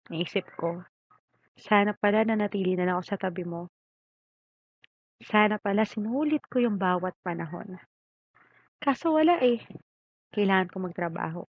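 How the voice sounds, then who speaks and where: A woman's voice: medium pitch, no echo, narrow, tinny audio. A middle-aged woman speaking as a mother to her grown child, reading a heartfelt spoken letter in a tender, pleading way with many rhetorical questions.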